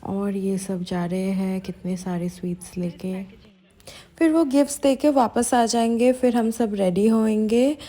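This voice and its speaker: Mellow-voiced woman narrating a vlog. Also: medium pitch, a little slow. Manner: code-switches between Hindi and English. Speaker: vlogger.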